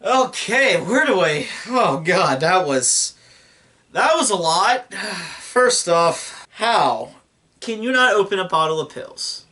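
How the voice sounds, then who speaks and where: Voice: mid-range voice, very animated, slow pace, pushed and bright, a little hiss or hum. A young adult movie reviewer ranting in disbelief and swearing often while talking through a film. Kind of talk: profane film review commentary.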